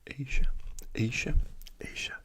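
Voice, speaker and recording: A man's voice: a little slow, sharp tone. A young man whispering names over and over as ASMR trigger words, with casual joking asides, in a whispered role-play. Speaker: ASMR creator.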